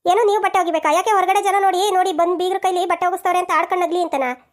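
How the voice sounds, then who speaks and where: A sharp-tongued old mother-in-law, as a woman voices her for a cartoon, nagging without pause. The voice sits very high and the words tumble out fast. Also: steady tone. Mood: scolding. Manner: nagging, sarcastic scolding. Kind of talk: cartoon voice acting.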